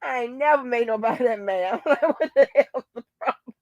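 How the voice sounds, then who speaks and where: This channel host's voice is hoarse, a little high and a little fast, captured in a dry, dull-sounding recording. Her gossip commentary is casual and profane, full of cackling laughter, with listeners addressed as baby and honey.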